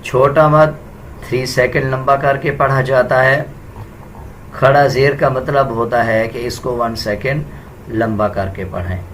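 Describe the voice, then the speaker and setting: Male teacher, mid-pitched voice, slow, patient walkthrough of pronunciation rules, faint room noise. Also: steady tone, a bit bright, rough recording. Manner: patient, deliberate, repeats rules. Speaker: tajweed teacher. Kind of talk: slow step-by-step explanation.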